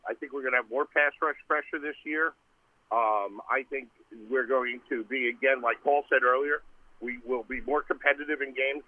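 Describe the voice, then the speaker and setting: A man's voice: mid-range voice, dry recording. A man calling in to a radio show over a clipped phone line, rambling and thinking aloud as he talks. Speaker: caller to a sports radio show. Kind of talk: casual call-in chat.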